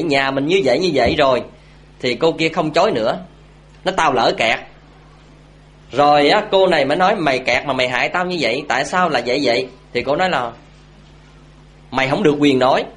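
A man's voice: fairly high pitch, a bit bright. A man giving a Buddhist dharma talk, telling a story and asking his audience questions. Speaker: Buddhist speaker.

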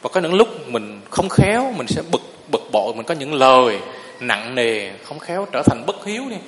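A man's voice: medium pitch, sing-song, normal speed, a little hiss or hum. A man, a Buddhist monk giving a sermon in a folksy storytelling way and often asking the listeners if they agree. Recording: long reverb of a hall.

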